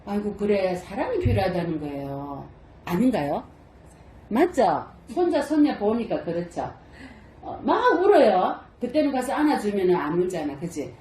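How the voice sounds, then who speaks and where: An older woman, a Buddhist nun and temple abbot, gives a lively dharma talk and keeps asking her listeners questions. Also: medium pitch, moderate pace. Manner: lively, asks the audience many rhetorical questions. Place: temple hall. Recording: roomy echo.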